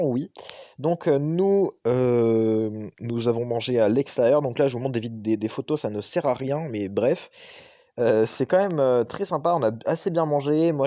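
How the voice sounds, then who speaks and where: A man's voice: mid-range voice, mellow, dry recording. A young man doing a casual, enthusiastic vlog voice-over, with frequent hesitations. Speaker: vlogger. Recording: dull lo-fi dry recording.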